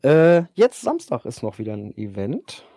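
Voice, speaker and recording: A man from Germany co-hosting a casual podcast in a teasing, joking manner. His voice is husky and gravelly, with lively swings in pitch, recorded dry. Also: a little slow, dry recording. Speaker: podcast co-host.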